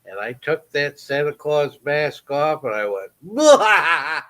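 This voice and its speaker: A man with a Maine accent in casual chat, telling an animated story and laughing, his voice leaping up when amused. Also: a little high, unhurried, smooth.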